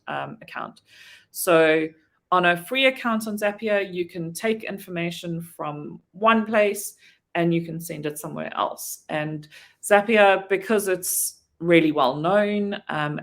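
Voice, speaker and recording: A woman's voice: low voice, creaky. A South African woman giving a casual online training talk on virtual assistant work, with frequent ums and self-corrections.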